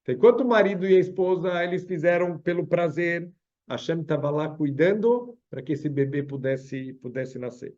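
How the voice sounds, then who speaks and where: A man's voice: on the high side, moderate pace. Man teaching over a video call. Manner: storytelling, acts out parables with lively voices. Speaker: rabbi teaching Psalms. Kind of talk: religious lesson. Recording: dull lo-fi video call audio.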